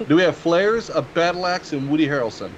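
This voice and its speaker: A man casually chatting as a player at a tabletop game, blunt and deadpan. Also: a little high, fairly quick, lo-fi sound, slight background noise.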